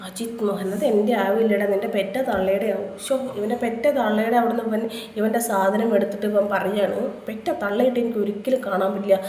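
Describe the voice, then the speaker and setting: A woman's voice: medium pitch, fairly even intonation, brisk, hardly any pauses, dark tone. A woman from Kerala, chatting casually on a live stream and trading crude insults with viewers. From Kerala, India. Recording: echoey room, faint background noise.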